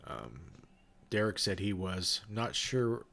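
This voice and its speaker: A livestream host who organizes ghost-hunting events chats casually with viewers in a low, stuffed-up, nasal voice. His speech is sing-song, slow, gravelly, and fairly bright, loose and rambling with lots of fillers and restarts.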